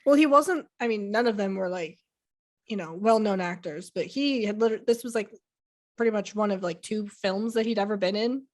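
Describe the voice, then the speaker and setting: A young woman co-hosts a casual film podcast. She rambles, restarts her sentences and fills the gaps with "like" and "um". Her voice sits at an ordinary middle pitch. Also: brisk, a little mellow. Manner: rambling, lots of fillers and restarts. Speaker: podcast co-host. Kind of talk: casual chat.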